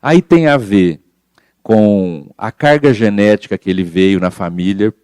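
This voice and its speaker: A man's voice: fairly low pitch, measured pace, a little mellow, clear, resonant tone, no room sound, clean studio sound. A man leading a spiritist study group, talking informally and explaining his points by acting out everyday examples.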